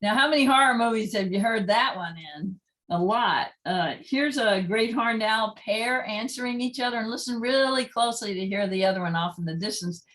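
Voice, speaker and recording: A woman's voice: fairly high pitch, normal speed, fairly bright tone, poor audio. A woman giving a casual library presentation, chatty and enthusiastic, apologizing for small slips as she goes. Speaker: library talk presenter on owls. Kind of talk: casual presentation playing recordings.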